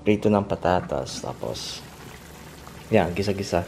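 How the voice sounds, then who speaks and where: A man chats casually in a home kitchen with relaxed, short replies. His voice is very low but moves lively in pitch, with frying sounds loud behind him. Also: unhurried, vocal fry, heavy background noise. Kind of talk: casual family chat.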